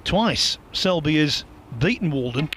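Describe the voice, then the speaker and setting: Male sports commentator for snooker, slightly high register, light background noise. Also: animated, a little slow, a bit bright.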